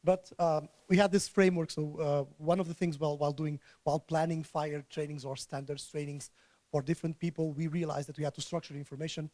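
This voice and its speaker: A man gives a conference talk to a room of listeners. His voice is hoarse and sits fairly high, and he often stalls and repeats words. The sound is close and dry. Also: level tone, darkish tone, no echo. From Portugal. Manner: halting, repeats words as he restarts. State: hoarse, recovering from illness. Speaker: conference speaker. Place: conference room before an audience.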